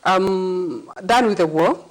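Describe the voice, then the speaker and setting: A woman in her forties, a psychologist and life coach, explaining things chattily as a guest on a studio talk show, with many small pauses. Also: fairly low pitch, low-quality recording. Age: 40s. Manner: chatty, hesitant with fillers. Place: TV studio set.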